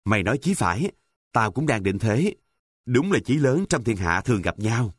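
A man voicing a brash, bossy village boy who scolds loudly and boasts. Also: medium pitch, very animated, normal speed, husky, no echo, studio quality. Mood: boastful cheerful.

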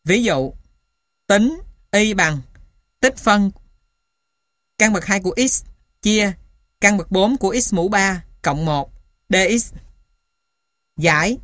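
A woman reading scripted material as dictation, piece by piece, in a measured, matter-of-fact way, like an instructor. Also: mid-range voice, expressive, fairly bright tone, no echo, studio quality. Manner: dictating symbols and punctuation one piece at a time. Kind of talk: scripted dictation of maths formulas.

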